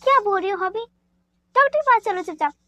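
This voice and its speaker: A woman voicing an anxious, caring young woman who is quick to anger, with a pleading, emotional manner, in a fan dub drama. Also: very high-pitched, lively intonation, pushed and bright, dry recording, highs cut off, exaggerated voice. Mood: insistent.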